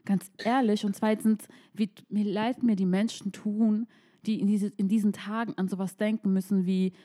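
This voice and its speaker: A woman's voice: medium pitch, steady tone, moderate pace, dark tone. A woman co-hosting a casual talk show, speaking with strong emotion and close to tears. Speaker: podcast co-host. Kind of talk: casual chat.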